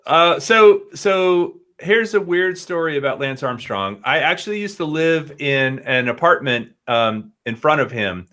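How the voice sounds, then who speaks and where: Bright-voiced man in his forties. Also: fairly high pitch, unhurried, hardly any pauses. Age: 40s. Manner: animated, rambling storyteller. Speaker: guest. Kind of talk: casual online chat. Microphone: headphones and laptop on a video call.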